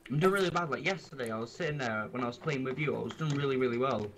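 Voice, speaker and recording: A man's voice: medium pitch, racing. A man with a Scottish accent chatting casually while gaming, with slangy, matey street banter. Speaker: gamer. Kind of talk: casual chat over multiplayer game. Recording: clear keyboard clicking noise. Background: keyboard and clicking.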